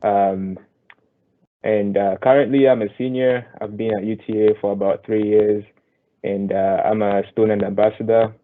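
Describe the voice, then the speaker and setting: A young man introduces himself in a low, flat voice. He speaks haltingly, with frequent fillers. His audio is thin and tinny, like a phone line. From Zambia. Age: young adult. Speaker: engineering student ambassador. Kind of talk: self-introduction on a panel.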